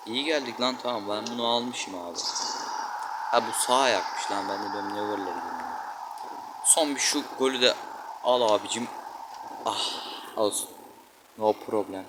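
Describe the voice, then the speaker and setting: Grumbling low-voiced gamer man. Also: background noise. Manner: slangy, grumbling and exclaiming at the game. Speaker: gaming channel host. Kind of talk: casual gameplay commentary. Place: room indoors, playing a football video game. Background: children shouting outside.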